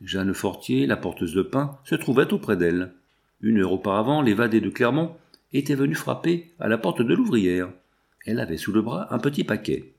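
Un homme qui lit un roman à voix haute, de manière posée et expressive. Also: male voice, on the low side, normal speed, creaky. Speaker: lecteur de livre audio. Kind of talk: narration de roman lue.

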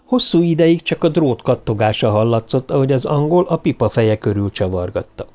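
A man reading a novel aloud as audiobook narrator, in a measured way. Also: medium pitch, lively intonation, a little mellow. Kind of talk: scripted narration.

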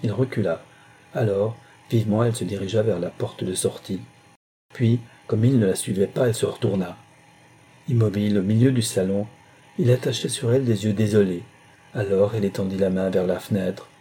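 A man narrating a novel in a steady, measured reading. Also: fairly low pitch, slight background noise. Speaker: audiobook narrator.

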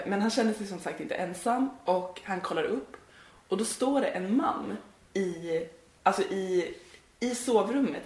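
A woman's voice: medium pitch, a little mellow, reverberant. A woman co-hosting a podcast, telling a spooky story in a rambling, giggly way with many fillers. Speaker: podcast co-host.

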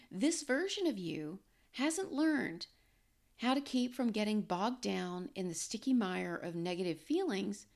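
Woman host, middle-aged, solo podcast read; lively pitch, some vocal fry, earnest coaching delivery.

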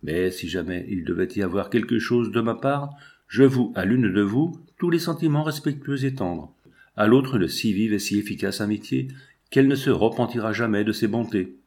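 A man voicing an earnest young suitor, lowered voice. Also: moderate pace, darkish tone, close to an everyday voice. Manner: earnest, respectful. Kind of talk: audiobook character reading.

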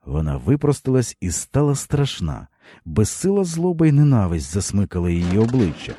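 A man with a very low, dark voice reads a literary story aloud. His delivery is expressive and dramatic, and his intonation rises and falls freely. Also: moderate pace, husky, no echo, clean studio sound. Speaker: narrator. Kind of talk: literary audiobook reading.

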